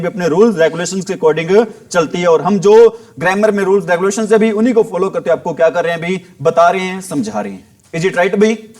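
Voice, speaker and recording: An Indian man teaching a grammar class, asking each question and answering it himself, drilling points again and again. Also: sits high. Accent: Hindi-accented English words.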